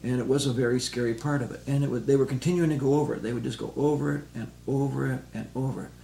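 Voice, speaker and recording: Dark-voiced man, distant and echoey. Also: medium pitch, fairly even intonation, creaky. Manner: halting, explanatory, with fillers. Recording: distant, echoey archive recording with hum.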